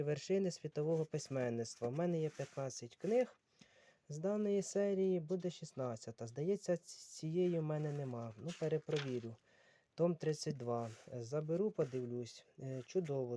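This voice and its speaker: A man sorting old books on camera, unhurried and musing as he reads titles aloud. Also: fairly high pitch, warm tone. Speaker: book collector vlogger. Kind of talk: casual talk while sorting books.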